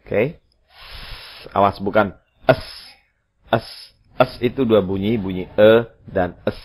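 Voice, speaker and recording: A man teaching an English lesson, repeating his instructions and slowly spelling out example phrases. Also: fairly low pitch, husky. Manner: slow, drawn-out model pronunciations of English phrases.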